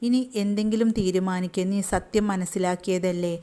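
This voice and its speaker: A woman voicing a sad but resolute second wife who asks plain, steady questions. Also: lowish voice, moderate pace, close to an everyday voice.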